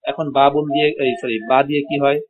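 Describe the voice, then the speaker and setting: Male language teacher, husky, patient drilling style, dull lo-fi recording. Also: a little high, flat delivery. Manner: slow, drills pronunciation, repeats words for students. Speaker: Arabic teacher. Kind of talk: online language class. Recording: dull lo-fi audio.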